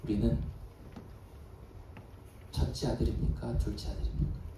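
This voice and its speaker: A male pastor preaching a sermon, telling a story dramatically and swinging from soft, hushed lows to emphatic peaks, recorded at a service in a large church hall. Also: monotone, normal speed, distant mic, slight background noise. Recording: echoey hall, voice from afar.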